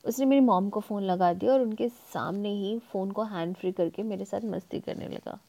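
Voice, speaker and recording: A woman narrating a first-person audio story in an intimate, breathy storytelling manner. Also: mid-range voice, normal speed, mellow.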